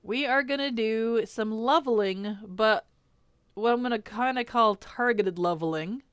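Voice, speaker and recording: A woman's voice: a little high, a little slow, smooth, dry recording, studio quality. A woman streamer greeting chat casually, laughing often and muttering to herself while she fixes settings. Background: faint music.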